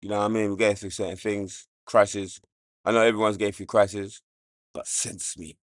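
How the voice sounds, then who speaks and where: A man from hosting a casual commentary show, loose and joking, jumping from low mutters to loud outbursts. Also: flat delivery, fairly quick, no room sound, clean studio sound. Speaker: show host.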